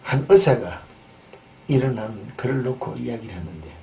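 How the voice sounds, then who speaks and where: A male pastor preaching a sermon and telling a story, swinging between loud emphatic bursts and quiet asides. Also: mid-range voice, expressive, normal speed, vocal fry. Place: church sanctuary. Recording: distant mic with faint background noise.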